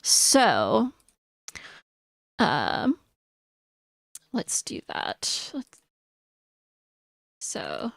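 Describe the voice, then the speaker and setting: A woman's voice: medium pitch, huge pitch swings, very slow, gravelly, pauses often, a bit bright, no echo, studio quality. A woman live streamer chatting casually and thinking aloud as she reads through notes, sometimes mumbling. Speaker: VTuber streamer.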